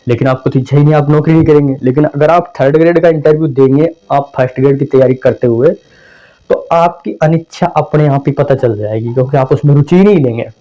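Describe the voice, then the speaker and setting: A young man teaching a lesson in a mellow, somewhat high voice. He speaks conversationally, repeats himself and acts out example phrasings. The recording is dull and lo-fi. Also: fast talker. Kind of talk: explanatory lesson.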